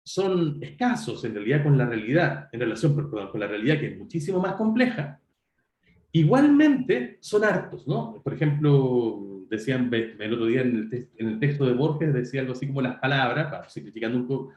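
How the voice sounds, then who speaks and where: In a roomy-sounding recording, a man with a medium, slightly mellow voice talks expressively at a moderate pace. He is teaching an online university class, speaking casually to his students and revising his words mid-sentence.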